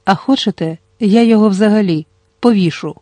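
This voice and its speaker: A reader voicing a young male nobleman who slowly makes blustering, tearful threats. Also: medium pitch, a little mellow, no echo, lightly acted.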